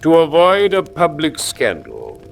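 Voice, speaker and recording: A man's voice: on the high side, wildly swooping pitch, a little slow, creaky, heavily acted. A man playing a courteous, persistent English doctor turned investigator in a classic radio drama. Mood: polite but insistent. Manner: polite, probing, formal.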